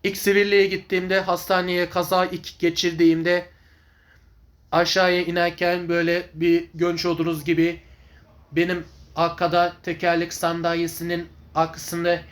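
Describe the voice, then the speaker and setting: A man giving informal vlog commentary on his videos in a rambling, repetitive, halting way. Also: high voice, completely flat delivery. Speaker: video channel host.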